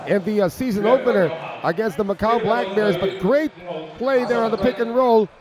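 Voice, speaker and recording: A man with a high voice offers color commentary at a basketball game, walking through the plays in full, chatty sentences. A loud arena crowd roars behind him the whole time. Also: normal speed. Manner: conversational analysis in longer sentences. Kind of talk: live basketball analysis. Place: indoor arena.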